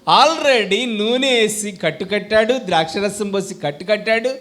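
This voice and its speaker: A man with a Telugu accent preaching a sermon, who keeps quizzing his congregation with questions and swings between loud calls and quiet asides. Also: sits high, normal speed. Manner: call-and-response questions to the congregation.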